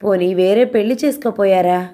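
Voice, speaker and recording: A woman's voice: medium pitch, brisk, mellow, lightly acted. A woman voicing a blunt young female office worker who asks teasing, probing questions.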